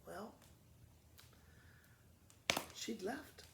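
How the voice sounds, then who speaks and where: Extremely slowly, in a high-sitting, creaky and expressive voice, a school principal reads a children's story to his pupils. He keeps it simple and conversational, explaining informally as he goes, with roomy echo and faint background noise around him.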